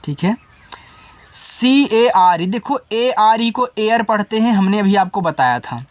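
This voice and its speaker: A man teaching beginners English spelling, reading out words letter by letter, slowly and patiently. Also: sits high, lively intonation, dry recording. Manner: patient, coaxing teacher talk.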